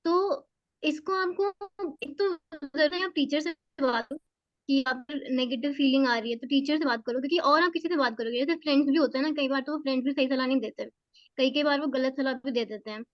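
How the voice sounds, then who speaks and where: A high, youthful woman's voice gives earnest, repeated advice, stressing each point as she goes. The sound is dull and bone-dry, with no room around it. It sounds like audio from an online call. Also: a little fast, no room sound. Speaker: exam topper guest. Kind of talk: interview answers, casual advice.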